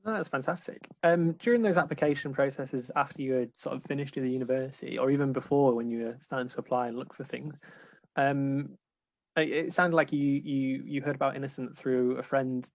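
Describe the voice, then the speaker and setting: A man hosts a graduate interview on a video call, friendly but halting, with lots of "um"s and restarts. His voice sits mid-range and sounds dry. The call audio is a little dull and muffled. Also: mid-range voice, vocal fry, darkish tone, no echo. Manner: friendly, hesitant, many ums and restarts. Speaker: host, student union interviewer.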